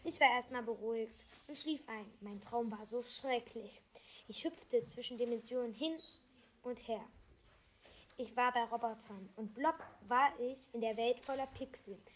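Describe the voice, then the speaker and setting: High-voiced woman reading a fantasy tale. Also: slight background noise. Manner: halting, with small slips and restarts. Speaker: storyteller. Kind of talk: reading aloud a self-written fantasy story.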